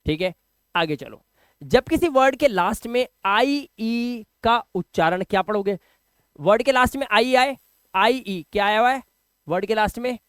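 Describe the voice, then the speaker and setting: Man, English teacher, high voice, smooth and clear, dry close sound, emphatic, quizzes the listener. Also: a bit bright, no room sound. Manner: emphatic, repeats each word and quizzes the viewer. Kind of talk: spoken classroom lesson.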